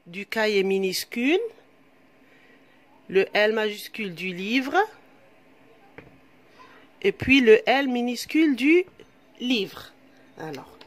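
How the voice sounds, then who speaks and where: A woman teaching a reading lesson to young children, patient and repetitive, asking questions as she goes, with an Algerian French accent. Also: mid-range voice. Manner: slow, patient, repeats and asks questions to pupils. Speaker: primary school teacher.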